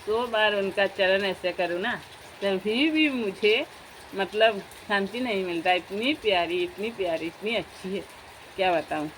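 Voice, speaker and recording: A woman's voice: medium pitch, measured pace, slight background noise, rough recording. A young woman vlogger in casual chat, talking straight to her viewers as friends in a chatty, confiding way.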